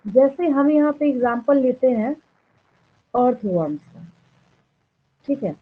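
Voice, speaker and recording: A woman biology teacher giving a classroom lecture, dictating notes slowly word by word and often checking that students follow. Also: high-pitched, expressive. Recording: tinny phone-like sound.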